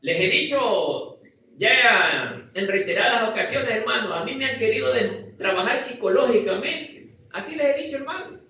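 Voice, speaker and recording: A man's voice: very high voice, lively intonation, normal speed. A man preaching as pastor to his congregation, asking rhetorical questions and calling them brother. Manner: bursts into loud acted cries. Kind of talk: sermon. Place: church hall with congregation. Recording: very echoey church hall, faint ambient noise.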